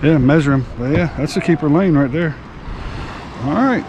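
Out on the water in his open boat, a man who hosts a fishing channel and works as a charter captain chats easily with his viewers, folksy and upbeat, addressing them as y'all. He speaks at normal speed in a slightly high voice with a darkish tone. The audio comes from an action camera on the boat, with engine and water noise in the background.

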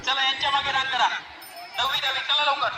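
A man starting races at a school sports meet, barking short hurried commands to students over a PA loudspeaker on an outdoor ground. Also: extremely high pitch, level tone, crowd noise. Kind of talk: shouted instructions to students.

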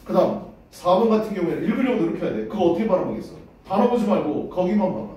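A man's voice: sits high, expressive, rapid-fire, mellow, muffled recording. A man teaching English pronunciation in a classroom lesson. He casually drills words aloud and keeps checking that his students follow. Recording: roomy echo, voice far from the mic.

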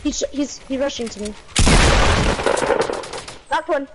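A woman's voice: high-pitched, slow, heavy background noise. A woman playing a video game and chatting casually with her squad.

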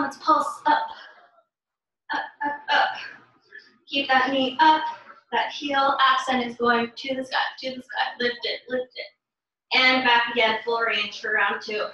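Calling counts and brief, repeated commands as she works out, this young adult woman coaches with urgency and encouragement from her living room. Her tone is high, bright and forceful. The audio is muffled, with a little hiss or hum, and it sounds very echoey because it was picked up by a camera several metres away.

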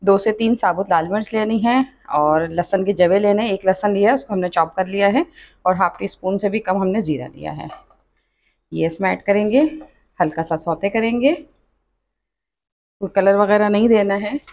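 A woman with a mid-range, slightly mellow voice speaks at a moderate pace as she narrates a step-by-step cooking tutorial in her home kitchen. She hosts a cooking channel, and her tone is chatty and instructive, with frequent use of "achha" and "dekhiye".

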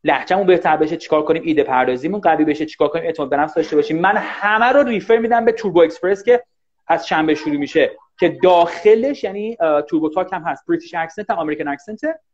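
A man teaching English in a casual live online class, talking fast and animated and often thanking viewers. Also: fairly high pitch. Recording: dull lo-fi livestream audio.

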